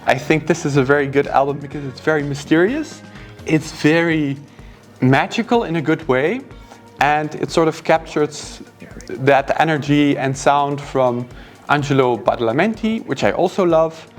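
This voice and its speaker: A musician recommending albums in a record store, talking in an enthusiastic, easygoing way. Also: male voice, a little high. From Belgium. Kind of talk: casual chat about favorite records.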